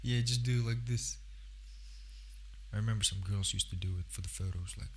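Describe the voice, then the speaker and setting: A man's voice: on the low side, fairly even intonation, normal speed, a little hiss or hum. A man chatting casually on a livestream about beatbox technique, often breaking off mid-sentence to demonstrate sounds. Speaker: beatbox streamer.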